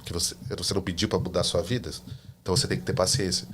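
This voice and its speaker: A man telling his personal faith testimony as a podcast guest, a lively storyteller who acts out the dialogue he quotes. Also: low-pitched, very fast, noisy background. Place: living in the United States.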